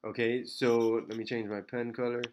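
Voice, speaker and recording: A man's voice: mid-range voice, little pitch movement, moderate pace, darkish tone, slight background noise. A man teaching a math lesson, working through problems step by step and checking in with "okay?" and "all right?", with the odd self-mocking joke. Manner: light self-deprecating asides.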